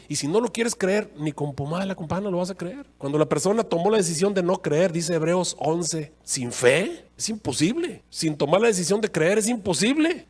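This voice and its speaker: A man's voice: high-pitched, husky. A man with a Mexican accent preaching a sermon as a pastor, in a folksy, joking, conversational way.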